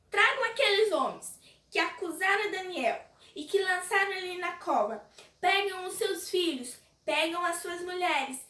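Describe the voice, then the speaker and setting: High, expressive woman telling a Bible story. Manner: expressive, asks listeners questions. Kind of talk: children's Bible story narration. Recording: roomy echo, distant mic, faint ambience.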